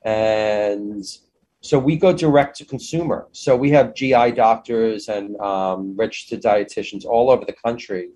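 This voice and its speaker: A man's voice: on the low side, unhurried, dark tone, highs cut off. A man speaking as an interview guest about his own business in an enthusiastic, effusive, conversational way.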